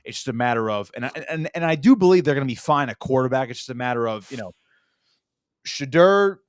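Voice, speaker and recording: A man's voice: mid-range voice, lively intonation, quick pace, smooth, no echo, studio quality. A man from South Jersey with a New Jersey accent, hosting a sports talk show, talking emphatically and often stumbling over repeated words. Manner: emphatic, stammers and repeats himself.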